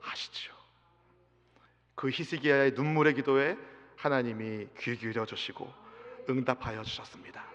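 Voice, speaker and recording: A man, the senior pastor, preaching an impassioned sermon, swinging from loud cries to soft asides and leading his congregation in reading together. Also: medium pitch, moderate pace, long pauses. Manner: leads the congregation in responsive reading. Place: church sanctuary. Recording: dull reverberant church sound system.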